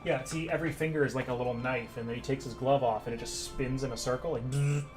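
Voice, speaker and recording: A man streaming a game, chatting in a relaxed way and laughing often. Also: medium pitch, fast, over music. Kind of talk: casual gameplay chat.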